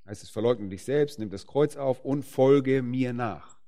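A male preacher delivers a sermon in a mid-range voice. He slows down on words he wants to stress and climbs to forceful peaks on key phrases. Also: mid-range voice.

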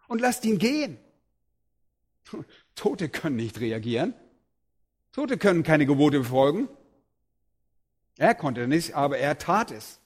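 Animated preaching man. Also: high voice. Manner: reads Bible passages aloud, then preaches with emphatic rises. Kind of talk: sermon.

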